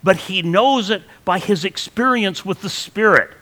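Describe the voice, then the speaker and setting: A man preaching a sermon in a conversational, lively teaching manner, often restarting his phrases. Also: sits high, measured pace. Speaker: pastor.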